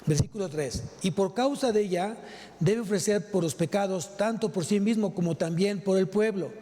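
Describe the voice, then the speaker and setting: Mexican pastor preaching, high-ish voice but mellow, lots of questions and repeats, big echoey church. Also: male voice, normal speed. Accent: Mexican Spanish. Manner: rhetorical questions, repeats key phrases. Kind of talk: sermon. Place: large church hall. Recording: long hall reverb.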